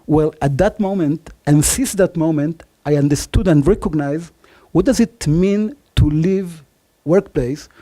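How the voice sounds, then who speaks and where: This conference pitch comes from a man in his forties from Argentina, whose accent carries both Israeli and Spanish traces. Promoting his startup on stage, he leans on lots of fillers and jokes at his own expense, speaking mellowly at a slightly slow pace.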